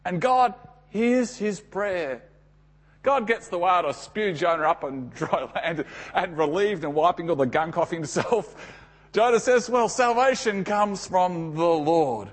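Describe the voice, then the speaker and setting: An Australian man preaching a sermon, telling the story dramatically with emphatic pauses and rhetorical questions. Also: sits high, expressive, slightly rough.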